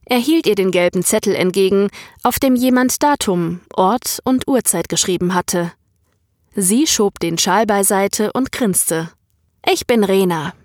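A woman reading a short story aloud in a calm, measured narration. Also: mid-range voice, dry recording, studio quality. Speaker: audiobook reader. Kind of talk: scripted narration.

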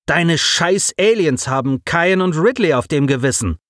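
A burly teenage bully played by a man, rude and blustering, lifted above the reader's usual pitch. The delivery is dry and up close. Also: very animated, unhurried, fairly bright tone, no room sound, full character voice. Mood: hostile.

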